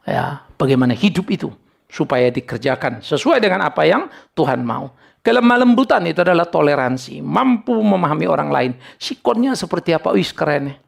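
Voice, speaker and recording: An older male pastor preaching with a gravelly edge to his voice. His pitch swings widely, rising high as he acts out the people he quotes. He slips English words into his sermon.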